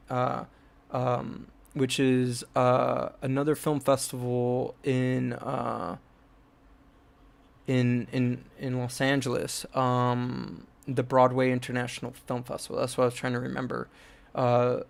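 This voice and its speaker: With a creaky, medium-pitched voice, a young New Jersey man who makes films and hosts a channel rambles through a personal story about his work, stopping to restart and using many fillers.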